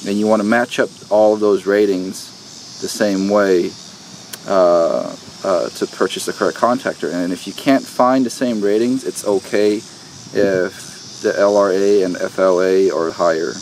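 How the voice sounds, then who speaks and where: A man with a fairly low voice walks through a hands-on repair outdoors, pausing often on "uh" and "um" as he works. He talks casually, as if to a viewer beside him. A faint hum of outdoor noise sits under his voice. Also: steady tone, a little mellow. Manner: hesitant, many "uh" and "um" fillers, explains step by step while working. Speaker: DIY video host. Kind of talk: casual how-to explanation. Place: outdoors at an air conditioner unit.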